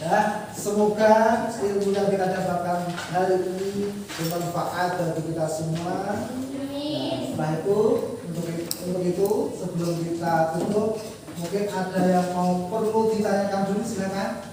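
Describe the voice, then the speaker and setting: Man, teacher, Indonesian accent, high voice, recorded from far off in an echoey classroom. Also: steady tone, unhurried, background noise. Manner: encouraging, addresses class directly.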